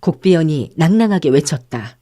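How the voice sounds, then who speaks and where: A woman narrating an audiobook in a calm, measured storytelling manner. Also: low-pitched, no room sound, clean studio sound. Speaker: audiobook narrator and channel host.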